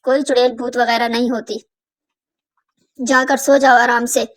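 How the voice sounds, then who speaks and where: A woman's voice: a little high, level tone, lightly acted. A woman voicing a dismissive male senior officer who brushes off the report in a cartoon story. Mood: scoffing. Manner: scoffing.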